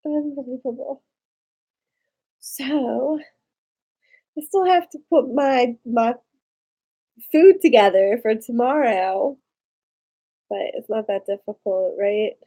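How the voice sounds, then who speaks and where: Speaking slowly with frequent pauses, a Maryland-accented vlogger from Maryland, USA, rambles casually with her live-stream audience. Her voice sits on the high side, warm and husky.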